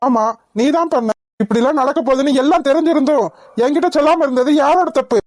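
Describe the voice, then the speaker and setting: A woman's voice: high-pitched, fast, darkish tone, no room sound, studio quality, close to an everyday voice. A woman voicing a bumbling young husband in a cartoon, flustered and muttering to himself as he tries to win back his wife. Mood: defensive. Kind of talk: cartoon voice acting.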